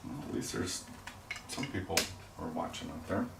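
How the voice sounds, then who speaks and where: A man's voice: low voice, lively intonation, normal speed, vocal fry. Man, middle-aged, casual studio chat, self-deprecating, echoey room, far from the mic, noisy background. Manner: rambling, self-deprecating jokes. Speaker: potter livestreaming from his studio. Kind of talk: casual livestream chat while working. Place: pottery studio, indoors.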